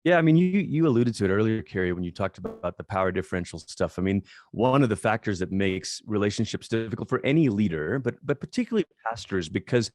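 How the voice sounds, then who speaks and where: Earnest man pastor, low dry voice. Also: animated, fast, hardly any pauses, darkish tone, dry recording. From Malaysia. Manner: thoughtful, earnest, restarts phrases often. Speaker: pastor and podcast guest. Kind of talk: conversational podcast interview.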